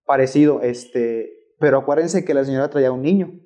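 A young man telling a story on a podcast, slangy and animated, dropping "güey" constantly. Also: medium pitch, fairly quick. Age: young adult. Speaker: rideshare driver guest.

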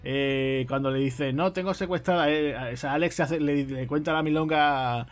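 A man, co-hosting a podcast, chatting about a film in an animated way and acting out lines from it. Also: mid-range voice. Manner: animated, acts out film lines in quick impressions. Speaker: podcast co-host. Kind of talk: casual film discussion.

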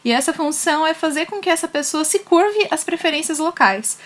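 High-pitched Brazilian woman explaining. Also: animated, fairly quick, fairly bright tone. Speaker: panel speaker on linguistics. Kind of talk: explanatory academic talk.

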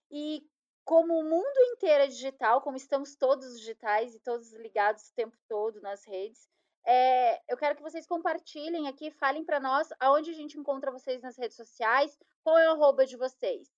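High-voiced woman hosting, lo-fi. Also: moderate pace. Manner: addresses listeners and guests directly. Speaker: podcast host. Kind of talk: hosting a podcast. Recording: dull lo-fi sound.

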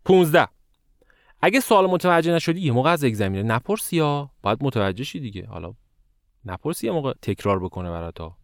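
A man teaching an IELTS video lesson in a casual, lively way, mimicking and mocking common misconceptions. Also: medium pitch, no echo, clean studio sound.

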